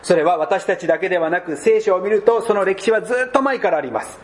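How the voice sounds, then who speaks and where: A man preaching a sermon as pastor, speaking deliberately and dropping to soft, low tones at key points. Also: lively intonation.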